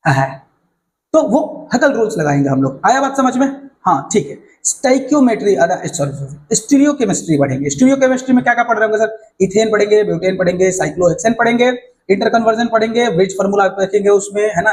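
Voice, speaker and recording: Fast-talking high-voiced male teacher. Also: poor audio. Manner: fast-talking, keeps checking if students follow. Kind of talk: casual syllabus walkthrough lesson.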